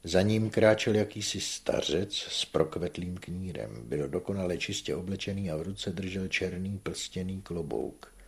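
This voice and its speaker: A man with a very deep, husky voice narrates an audiobook. He reads calmly and steadily, in a measured way.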